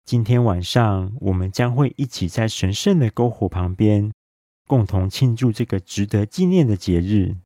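A dignified male chief from a bedtime story, played by a man reading aloud, speaks with calm, solemn authority. The voice sits low and mellow. The sound is close and dry. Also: moderate pace, no room sound, close to an everyday voice.

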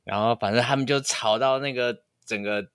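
一位帶台灣口音的男性播客主持人，閒聊時講故事語氣生動，不時會笑。. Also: male voice, medium pitch, steady tone, fairly quick, a bit bright, clean tone, no echo, clean studio sound. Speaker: podcast co-host. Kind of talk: casual podcast chat.

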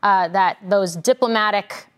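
An American woman anchoring and reporting live business and breaking news in a measured, careful way. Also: medium pitch, fairly even intonation, clear, resonant tone.

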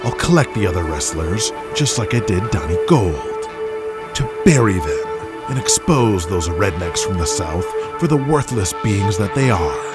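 Deep cold villainous wrestling boss, contemptuous, as a man puts him on. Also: very animated, unhurried, loud music behind the voice. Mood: gloating. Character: ruthless gloating male wrestling promoter villain.

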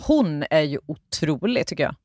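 Casting: young adult co-host, lively and blunt, mid pitch, close dry recording. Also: no room sound. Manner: animated, swears and laughs while talking. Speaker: podcast co-host. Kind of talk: casual chat.

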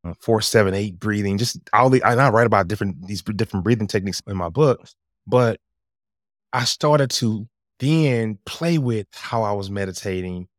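Podcast guest, male coach. Low-pitched, magnetic voice, earnest animated storyteller, very dry recording. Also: no room sound.

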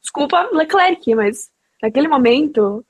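A woman in casual chat, telling stories in an excitable, dramatic way. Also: high-pitched, unhurried, dry recording.

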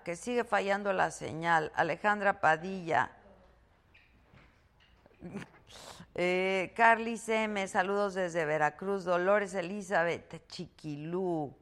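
A woman's voice: fairly low pitch, fairly bright tone. A woman hosting a live talk show from a hotel, chatty and teasing, reading out viewer greetings and trailing off in repetitions. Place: hotel on the Mexican Caribbean coast.

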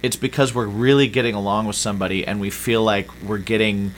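A man's voice: on the low side, steady tone, brisk, a little hiss or hum. Upbeat chatty male podcast host. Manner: chatty, upbeat, plugs the show. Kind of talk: casual chat.

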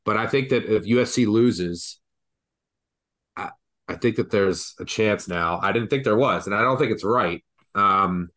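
Congested and stuffed-up from the flu, a podcast co-host rambles through college football betting picks in a casual analysis chat. His voice is lowish and fairly bright, his pace measured, and he thinks aloud with frequent restarts.

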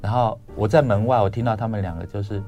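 A man's voice: fairly low pitch, fast talker, mellow, soft background music. A man, a psychologist guest on a talk show, earnestly retelling a counseling case with quoted dialogue. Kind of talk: storytelling on a radio talk show.

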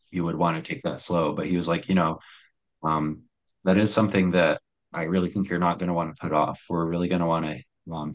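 A young man with a very deep voice relates his own experiences, speaking in a hesitant, reflective manner with frequent fillers and restarts.

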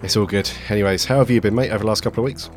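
A man hosting a casual podcast, his voice croaky and raspy from a head cold, a touch of man flu. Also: lowish voice, rapid-fire, faint music behind. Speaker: podcast host.

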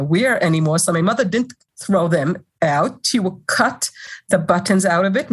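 Low-voiced woman, halting speech. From Israel. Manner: halting, many "uh" pauses while searching for words. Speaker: interview guest. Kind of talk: casual interview.

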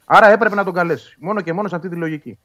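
A man's voice: sits high, a bit bright. A man arguing football calls in a casual sports talk, insistent and repeating his points. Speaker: football pundit.

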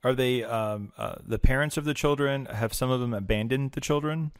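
A man's voice: mid-range voice, moderate pace, clear, resonant tone, no room sound. A man asking questions in a conversational interview.

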